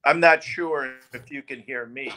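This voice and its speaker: A man talking over a remote call whose audio breaks up, sounding distant and cutting out, in a halting, casual way. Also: medium pitch, steady tone, sharp tone. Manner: halting, with frequent fillers. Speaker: interview guest on a remote call. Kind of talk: casual conversation.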